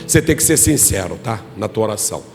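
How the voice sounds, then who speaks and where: A man preaching a fervent sermon as pastor, rising to shouted climaxes and dropping to hushed pleading. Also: lowish voice, expressive, fast talker, gravelly. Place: church hall. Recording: reverberant church hall with music behind.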